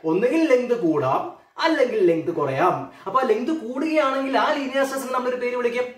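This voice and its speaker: A man with a Malayali accent teaching a physics lesson. He keeps asking his students questions and repeats the key terms slowly. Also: very high voice. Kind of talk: classroom lecture. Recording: echoey room, mic a bit distant.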